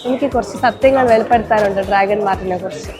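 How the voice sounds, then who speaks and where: A woman's voice: mid-range voice, racing, music in the background. A young woman vlogging casually while shopping, chatting playfully and coaxing her small child along. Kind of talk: casual vlog chat. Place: shopping mall.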